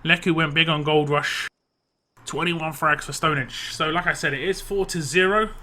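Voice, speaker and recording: A slightly high, steady voice that's bright and forceful belongs to an esports caster working a live match. He's worn out and going hoarse, peppering his commentary with fillers and rapid self-corrections.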